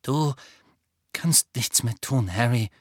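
A man reading an audiobook and voicing a calm grown man who speaks firmly and gravely. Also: mid-range voice, takes it slowly, no room sound, clean studio sound. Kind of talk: audiobook character voice.

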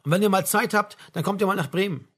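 For this audiobook character voice, a man pushes his voice up high and speaks quickly with a breathy edge as a weary middle-aged mother. She scolds her grown son bluntly and sharply, though the mood stays tired and tender.

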